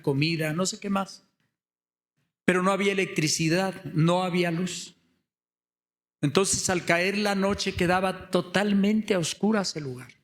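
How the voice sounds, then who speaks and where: Male preacher, higher-pitched voice, storytelling sermon delivery with rhetorical questions, climbs into fervent raised passages. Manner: storytelling, rhetorical questions, rising to loud impassioned emphasis.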